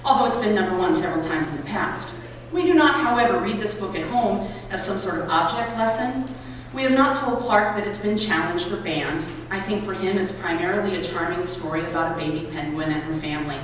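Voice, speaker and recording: Her voice medium in pitch, a woman reads aloud from a children's book and an essay during a public event in a college building's lobby. A far-off microphone records the echoing hall and its noisy surroundings.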